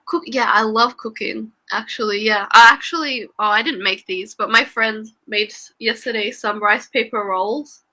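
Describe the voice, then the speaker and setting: A woman's voice: on the high side, moderate pace, hardly any pauses, bright, forceful tone. A young Australian woman, an English tutor, chatting casually on a video call with lots of fillers and laughter. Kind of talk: casual online lesson chat.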